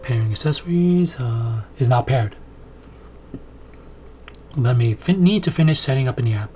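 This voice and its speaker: A man in his thirties, a video host and product reviewer, thinks aloud while unboxing and setting up a product in a small room at home. His mid-range voice is expressive and moderately paced, conversational and casual, with music playing beneath.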